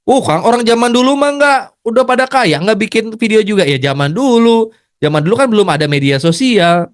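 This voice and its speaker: High-voiced man, earnest pep talk. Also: no room sound, clean studio sound. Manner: earnest, repetitive, conversational. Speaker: network marketing business leader. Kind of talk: motivational business talk.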